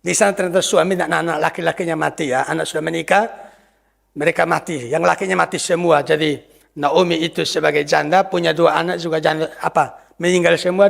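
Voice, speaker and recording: A man's voice: high-pitched, creaky, a bit bright. A man preaching a sermon as pastor, often asking the congregation questions and pressing his points with emphasis. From Indonesia. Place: church hall. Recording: church hall reverb.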